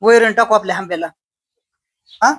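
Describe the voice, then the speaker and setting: A woman's voice: mid-range voice, normal speed, husky, no room sound. A woman, chatting casually with a child on camera, coaxing, fussing over him and scolding him. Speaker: vlogger. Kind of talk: casual family chat.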